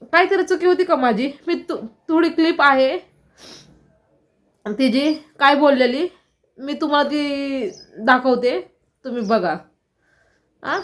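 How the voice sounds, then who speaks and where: A woman's voice: high-pitched, slow, pauses often, fairly bright tone. A distressed woman talking in an emotional personal vlog, aggrieved and firing off repeated rhetorical questions. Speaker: vlogger.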